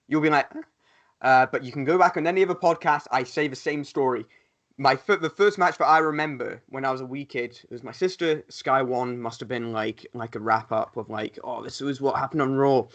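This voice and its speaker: A man's voice: medium pitch, a bit bright. Brief: man in his 20s, wrestler guest on a podcast, chatty and self-deprecating, trips over his words, mid-range voice. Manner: rambling, self-mocking storyteller, many restarts. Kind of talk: casual podcast chat.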